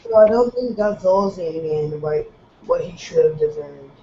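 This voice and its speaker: A woman's voice: mid-range voice, huge pitch swings, normal speed, warm tone, slight background noise. A woman talking in a casual, profane and offhand way as co-host of an online chat. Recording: dull lo-fi, music behind.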